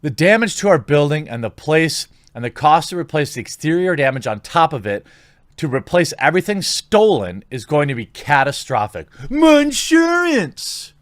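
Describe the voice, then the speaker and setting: Animated, indignant American man ranting, higher-pitched voice. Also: normal speed, no room sound, clean studio sound. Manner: emphatic, indignant, repeats phrases for effect. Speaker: online video host and commentator. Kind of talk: ranting commentary, reading out statements.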